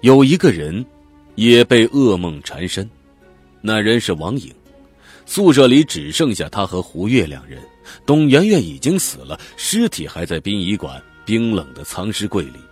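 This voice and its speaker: Husky, expressive male audiobook narrator. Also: fairly low pitch, moderate pace. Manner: vivid, expressive storytelling. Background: faint background music.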